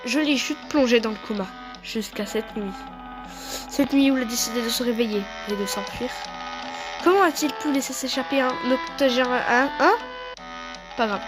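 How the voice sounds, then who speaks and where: Wry young narrator acted by a woman, high voice, reflective horror-story narration over music. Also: normal speed, natural voice. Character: wry young narrator recalling a haunted-manor night years later. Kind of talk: scripted first-person narration.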